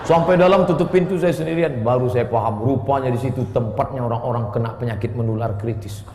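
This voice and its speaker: A man's voice: medium pitch, fast talker, a little mellow, a little hiss or hum. A middle-aged man preaching a sermon, telling funny stories and chanting Arabic verses, with swings in his voice. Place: mosque hall. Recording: echoey hall with reverb.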